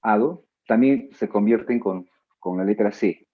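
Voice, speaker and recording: A male teacher giving a spelling lesson, drawing out his words slowly and adding playful asides to his students. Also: lowish voice, husky, narrow, tinny audio. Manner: slow, drawn-out words, playful asides to the listener.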